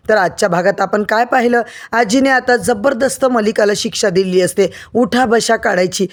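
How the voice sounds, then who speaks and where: A woman narrating an episode recap of a TV serial, addressing viewers directly in a storytelling manner. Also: fairly high pitch.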